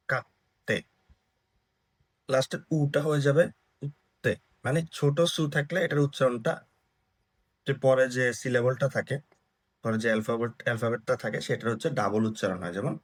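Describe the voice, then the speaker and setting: Male teacher, young adult, husky mid-pitched voice, step-by-step lesson delivery in short phrases. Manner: talks in short broken phrases, checks in with listeners. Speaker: Japanese language teacher. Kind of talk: explaining grammar lesson.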